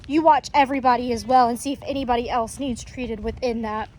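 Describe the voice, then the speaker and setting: High-voiced woman chatting outdoors. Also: steady tone, quick pace, darkish tone. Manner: chatty, rambling, explains at length. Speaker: farm vlogger. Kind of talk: casual explanatory chat. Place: outdoors on a farm. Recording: noisy outdoor recording.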